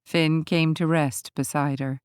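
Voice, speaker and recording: A woman's voice: sits low, fairly even intonation, measured pace, clear, resonant tone, dry recording. A woman reading a romance audiobook aloud in a conversational way, recorded close in a booth. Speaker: audiobook narrator. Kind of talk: scripted romance narration.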